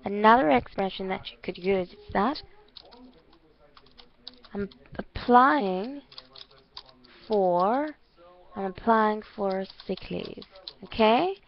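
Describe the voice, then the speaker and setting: A woman's voice: mid-range voice, a little slow, gravelly. Woman language teacher, encouraging and explanatory, often checking understanding, on slightly dull, lo-fi audio. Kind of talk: giving spoken feedback in an online English lesson. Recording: muffled lo-fi online call audio.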